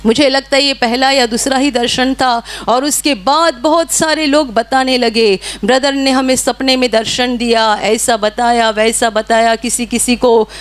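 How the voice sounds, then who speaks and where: High-voiced woman preaching a sermon. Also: fairly even intonation, a little slow, few pauses. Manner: earnest storytelling with repeated hallelujahs.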